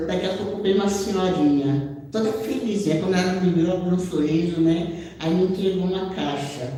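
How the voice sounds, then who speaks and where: A woman's voice: lowish voice, brisk, mellow. A woman missionary giving a church testimony, telling her story conversationally, often ending phrases with "né?" and acting out the voices of the people she quotes. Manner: acts out quoted dialogue within her story. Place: church hall. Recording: echoey church hall, voice far off, faint background noise.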